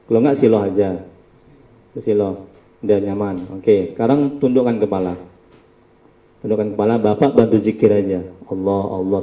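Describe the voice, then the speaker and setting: A man leading a healing prayer session, giving calm instructions and chanting slow prayers, recorded from a distance in a room. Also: lowish voice. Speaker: ruqyah healer. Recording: roomy sound from a distance.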